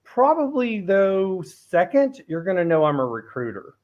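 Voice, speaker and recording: Higher-voiced man telling stories. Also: very animated, measured pace, dull audio. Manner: storytelling, laughs easily. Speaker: guest, real estate team leader. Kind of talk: casual interview chat.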